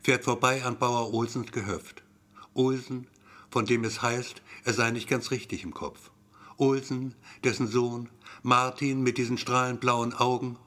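Erzähler, männlich, ironisch und wiederholend, mittlere Stimmlage, Hörbuchlesung. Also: male voice, medium pitch, little pitch movement, measured pace, fairly bright tone. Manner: repetitive, wry storytelling. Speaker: narrator. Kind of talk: scripted story reading.

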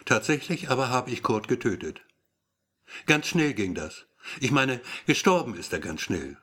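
Sex: man reading a woman. Figure: a man reading a sweetly sinister letter writer. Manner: sugary, insinuating, lively pitch. Style: audiobook letter. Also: moderate pace.

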